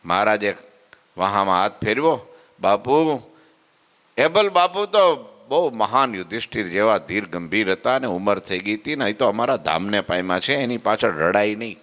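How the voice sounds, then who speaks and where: A man's voice: fairly low pitch, expressive, moderate pace, fairly bright tone, big-room sound. A man telling a devotional story as a preacher, acting out the characters and asking listeners questions. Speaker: katha preacher.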